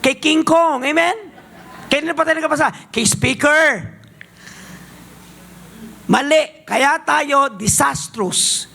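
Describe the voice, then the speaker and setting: A man preaching a sermon as pastor, with slow emphatic phrases, quick asides, scripture read aloud and call-and-response with the congregation. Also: extremely high pitch, creaky, sharp tone.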